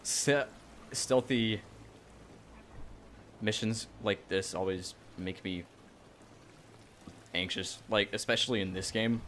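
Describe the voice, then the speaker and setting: A man's voice: on the low side, slow, long pauses, fairly bright tone, slight background noise. Joking man commentating a game. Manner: joking, stumbles over words, laughs a lot. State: hiccuping. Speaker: gaming video co-host. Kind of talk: casual let's-play banter.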